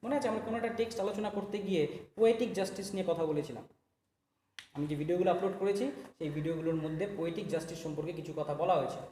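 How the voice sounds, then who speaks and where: A man's voice: high-pitched, racing, dark tone, roomy sound, big-room sound, slight background noise. A man teaching an English grammar lesson, explaining step by step and asking and answering his own questions. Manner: repeats and rephrases points. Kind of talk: Bengali-language grammar lecture.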